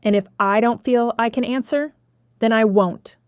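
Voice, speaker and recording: A woman's voice: a little high, steady tone, normal speed, darkish tone, smooth, dry recording, clean studio sound, natural voice. A woman voicing a blunt, somewhat jaded female desk clerk at a small-town police station in an audiobook. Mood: matter-of-fact.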